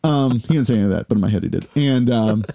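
A man in his forties, a podcast co-host, telling a long story in casual chat with lots of fillers, acting out the people he quotes in higher voices. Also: lively intonation, fast, creaky, mellow. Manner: rambling, filler-heavy storytelling.

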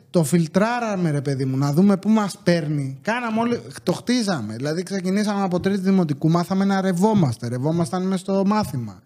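A man, hosting a podcast and telling stories in a casual, animated way. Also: high-pitched. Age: 30s. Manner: animated storytelling with acted-out quotes. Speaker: podcast host. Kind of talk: casual chat.

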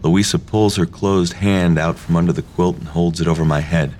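A man narrating a first-person story in a low, hushed, intimate reading. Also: little pitch movement, moderate pace, slight background noise. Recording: faint music behind.

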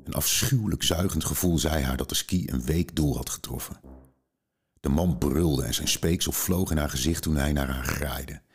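A man with an exceptionally deep voice reads a children's book aloud as a podcast host. His delivery is calm and measured. The voice has a husky, slightly breathy grain.

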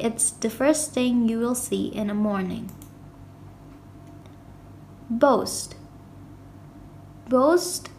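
A woman's voice: on the high side, slight background noise. A woman hosting a children's podcast, carefully reading a storybook and explaining words aloud.

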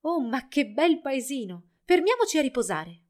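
A woman's voice: sits high, sing-song, moderate pace, pitched above the performer's own voice. A woman voicing a gracious young princess with courtly speech. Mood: charmed. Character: gracious young noble princess, poised and warm.

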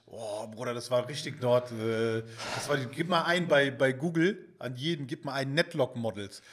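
A man's voice: medium pitch, normal speed, a bit bright. A young man, chatting casually and animatedly with Arabic interjections. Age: young adult. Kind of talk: casual chat.

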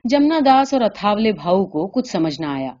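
Calm woman reading a literary story. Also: medium pitch, highs cut off. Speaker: narrator.

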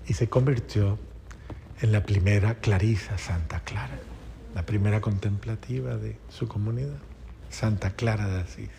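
Male priest giving a homily in church, goes loud then real soft, bit of background hiss. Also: moderate pace, vocal fry. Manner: storytelling, swings from loud emphatic peaks to soft low phrases. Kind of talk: homily at mass.

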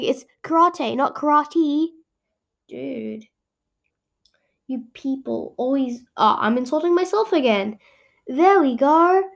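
A woman hosting a casual home podcast, rambling and correcting herself as she goes. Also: high voice. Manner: rambling, chatty, with frequent self-corrections. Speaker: podcast host. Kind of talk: casual solo podcast chat. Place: home room.

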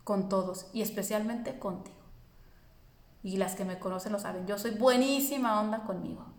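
A woman's voice: mid-range voice, moderate pace, a little mellow, reverberant. A woman, teaching a spiritual course in an earnest, reassuring way, speaking directly to her listeners.

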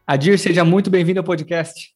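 A man's voice: high-pitched, steady tone, fairly quick, breathy edge, faint music behind. A man from Brazil hosting a podcast, reading a polished, upbeat intro and then asking questions. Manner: polished, upbeat presenter delivery. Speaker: podcast host. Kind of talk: scripted intro and interview.

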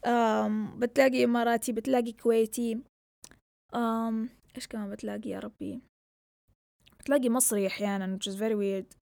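A woman's voice: fairly high pitch, fairly even intonation, fairly quick, creaky, pauses often, darkish tone, dry recording. A young woman from southern Yemen hosting a casual solo podcast, with a mixed Yemeni and Saudi Gulf Arabic accent, talking in a chatty, rambling way and switching between Arabic and English. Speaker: podcast host.

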